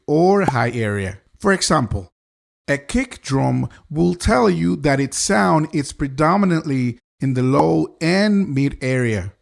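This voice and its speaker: A man's voice: on the high side, gravelly. A man narrating a scripted live sound tutorial, upbeat and talking straight to the viewer. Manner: upbeat, direct, talks to the viewer. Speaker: live sound engineer teaching mixing.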